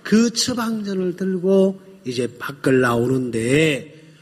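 A man telling a story to an audience in an animated, drawn-out way, often turning to his listeners. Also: fairly high pitch, breathy edge, long reverb tail. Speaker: speaker.

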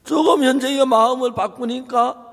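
A male preacher telling a story in a sermon, acting out the people in it and moving between hushed and raised voice. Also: very high-pitched, fairly even intonation, moderate pace, gravelly. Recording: long hall reverb.

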